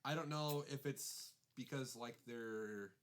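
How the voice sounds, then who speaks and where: Speaking slowly in a medium-pitched voice, a male podcast co-host chats casually. His talk is full of blunt opinions, frequent hesitations and playful pushback.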